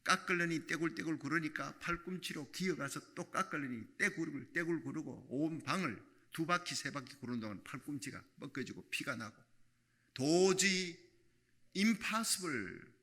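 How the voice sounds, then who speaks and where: A man's voice: a little high, lively intonation, normal speed, bright, forceful tone. A middle-aged man preaching a sermon in a church, telling a story and rising into fervent exhortation. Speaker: pastor. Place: church sanctuary.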